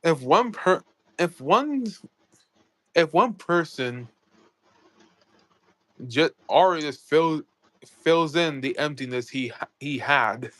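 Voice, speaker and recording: A man's voice: fairly high pitch, animated, slow, pauses often, fairly bright tone, no echo. A young man chatting casually on a livestream, rambling and restarting his sentences, with some swearing. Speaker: co-host, story creator.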